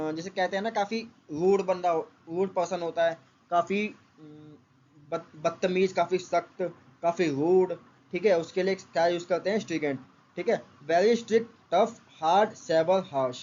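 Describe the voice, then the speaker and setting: High-voiced man teaching English vocabulary. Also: a little mellow, slight background noise. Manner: explains slowly with many fillers. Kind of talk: vocabulary lesson for exam aspirants. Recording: dull lo-fi recording.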